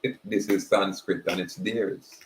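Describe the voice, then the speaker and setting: A man giving a slow, emphatic preaching monologue. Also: low-pitched, steady tone, background noise. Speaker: spiritual speaker. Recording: roomy echoey recording.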